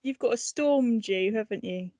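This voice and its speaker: A woman's voice: on the high side, normal speed, dark tone, no echo, clean studio sound. A woman co-hosting a podcast, chatting casually with short remarks and frequent giggles. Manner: giggly, brief interjections. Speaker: podcast co-host.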